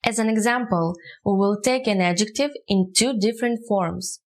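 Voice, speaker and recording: A woman's voice: medium pitch, moderate pace, rough recording. A woman whose first language is Russian, teaching a short language lesson and spelling words out syllable by syllable. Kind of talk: slow, careful language lesson.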